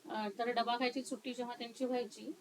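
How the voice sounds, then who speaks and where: A woman counselor talking through her career in an interview, slow and thoughtful with many pauses. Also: fairly high pitch, little pitch movement, background noise.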